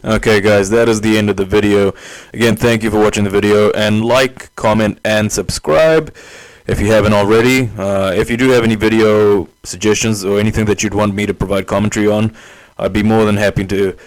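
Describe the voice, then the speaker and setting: A man speaks as a video host, addressing viewers with advice. His delivery is brisk and matter-of-fact, with a flat, even pitch throughout. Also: low-quality recording.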